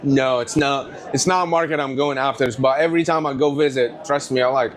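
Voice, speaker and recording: A man from Tunisia, telling stories as an animated guest in a casual interview. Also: medium pitch, fairly quick. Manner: animated, rambling storyteller. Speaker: whiskey company owner, guest.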